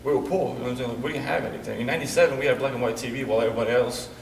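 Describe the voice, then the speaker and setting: Speaking at a racing clip, this man has a gravelly, medium-pitched voice with a steady tone. He's a late-twenties wrestler from Bosnia, relaxed as a guest in a casual interview, constantly filling gaps with "you know what I'm saying." Slight background noise and a roomy echo from a distance color the audio.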